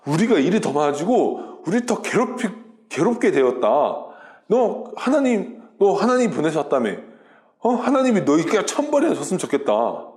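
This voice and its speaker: A man's voice: high-pitched, big pitch swings, moderate pace, darkish tone. A man voicing overworked laborers who grumble and accuse. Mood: grumbling. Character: grumbling crowd of overworked men. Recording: roomy echo.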